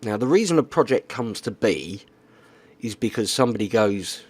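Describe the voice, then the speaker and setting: A man's voice: fairly low pitch, lively intonation, normal speed, breathy edge, no echo. A man explaining things in a casual, plainspoken monologue, often checking in with "okay?" and "right". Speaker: YouTuber.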